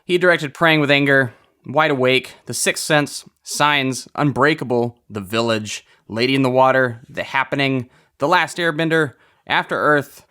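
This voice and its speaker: Man, podcast host, casual chat, relaxed and rambling, smooth resonant voice. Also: medium pitch, moderate pace. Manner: relaxed, rambling, chuckles often.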